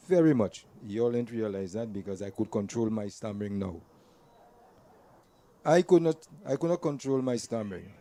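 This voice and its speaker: An invited speaker at a community gathering, a man with a medium-pitched, warm voice, tells a personal story earnestly to the audience at a community event venue. He repeats words as he restarts sentences, and the recording has no echo.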